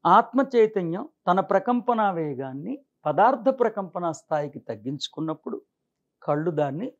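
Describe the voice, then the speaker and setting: A man with a high voice explains scripture in an interview, reciting verses slowly and then posing questions he answers himself. The recording is dull and lo-fi. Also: animated. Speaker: spiritual teacher, interview guest. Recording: dull lo-fi sound.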